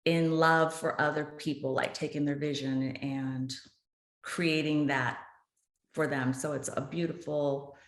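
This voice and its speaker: An American woman in her fifties, a guest author on a podcast interview, speaks earnestly and passionately, with real conviction. Her voice is low and her delivery flat at a measured pace, in an echoey room.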